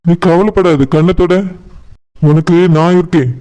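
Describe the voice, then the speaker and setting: A man voicing a young village man in a cartoon, calm and reassuring on the phone. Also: a little high, normal speed, clean tone, lightly acted, rough recording.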